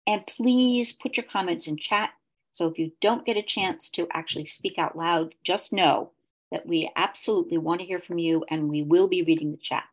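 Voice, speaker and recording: A woman facilitating an online group meeting over a video call. She talks with a hesitant manner and fills her sentences with pauses. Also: on the low side. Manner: hesitant, many fillers.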